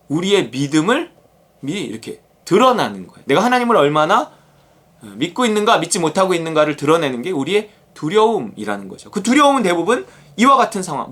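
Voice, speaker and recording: A male pastor giving a daily devotional sermon in a conversational, animated way. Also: a little high. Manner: animated, conversational, acts out quotes.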